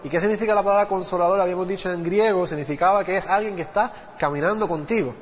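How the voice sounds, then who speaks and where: A man preaches a sermon, telling a Bible story and checking in with his listeners as he goes. His voice sits high, and long reverb from a large hall trails each phrase. The audio is dull and muffled. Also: fast talker. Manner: conversational Bible teaching, asks the congregation "¿viste?".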